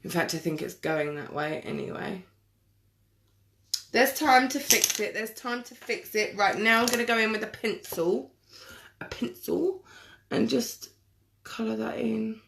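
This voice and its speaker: A woman chatting casually through a live makeup tutorial, self-deprecating and quick to laugh. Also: a little high, expressive, creaky, fairly bright tone. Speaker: makeup vlogger.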